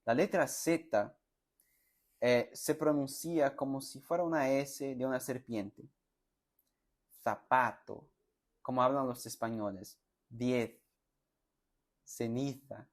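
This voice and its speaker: A Spanish teacher with a medium-pitched voice gives a pronunciation lesson, slowly and deliberately sounding out example words and syllables for learners to repeat. He's friendly, addressing students directly with check-in questions.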